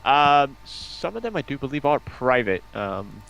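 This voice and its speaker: A man who makes hobby videos joins a stream as a guest for a casual chat, cheeky and bantering throughout. His mid-range, fairly bright voice has big pitch swings at a measured pace, over a clearly noisy home voice-chat line.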